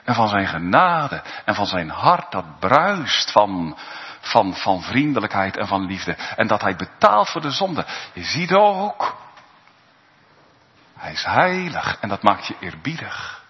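A man preaching a sermon in earnest, rising to high cries and then dropping to hushed tones. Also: very animated, takes it slowly. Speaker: pastor. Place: church. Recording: dull lo-fi church recording with long reverb.

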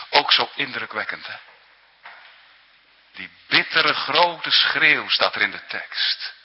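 Male preacher, husky and unhurried, pitch rises and falls widely as he presses home his points; dull lo-fi sermon recording in a reverberant hall. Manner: earnest, emphatic, frequent tag questions.

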